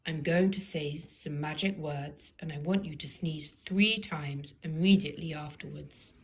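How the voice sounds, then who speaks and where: A woman acts out a wise old wizard from a children's storybook. He speaks low and with emphasis, brisk and commanding in a grand way. Some noise sits behind the voice. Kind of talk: storybook character voice.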